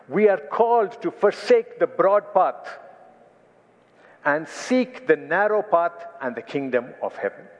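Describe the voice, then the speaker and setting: A dull recording with long hall reverb carries a man's sermon. He speaks with an Indian accent in a high voice. His delivery is emphatic, returning to key phrases and slowing on them for weight. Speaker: preacher.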